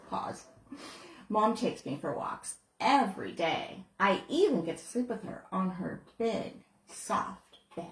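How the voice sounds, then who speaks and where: A woman who is a children's book author, reading her picture book aloud in a playful, expressive way. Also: medium pitch, creaky. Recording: roomy echo.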